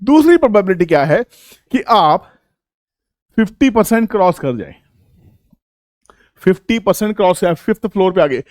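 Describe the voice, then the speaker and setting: Man, trading teacher, raised pitch, dry close sound, coaxing questions he answers himself. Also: big pitch swings, moderate pace, long pauses, darkish tone, dry recording. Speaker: trading educator. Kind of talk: explaining to viewers.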